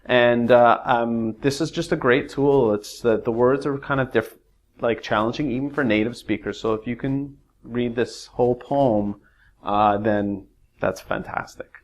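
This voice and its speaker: A man gives a casual English lesson at an unhurried, slow pace, his voice sitting at a middle pitch. He rambles and hesitates, filling gaps with ums and uhs. When reading verse, he stretches the rises and falls. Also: steady tone. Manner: rambling, hesitant with frequent fillers; reads verse slowly with exaggerated rises and falls. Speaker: English teacher.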